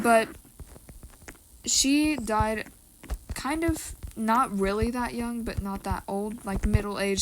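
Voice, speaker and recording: A woman's voice: on the high side, slight background noise, low-quality recording. A teenage girl chatting casually about a musical's characters, rambling with lots of fillers and restarts. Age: teens. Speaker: co-host of a rating video. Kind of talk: casual chat.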